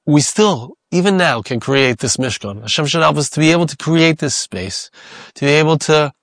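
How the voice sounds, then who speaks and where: Man, rabbi giving a Torah sermon, reflective, repeats phrases, fairly high voice, dry close sound. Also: expressive, moderate pace, a bit bright, no echo.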